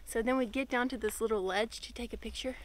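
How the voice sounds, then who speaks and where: A bubbly young woman with a fairly high voice chats casually to the camera on an outdoor trail, a little winded. Faint outdoor ambience is heard behind her. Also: steady tone, fast, slight background noise. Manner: bubbly, laughs often. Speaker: vlogger. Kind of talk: casual travel vlog chat.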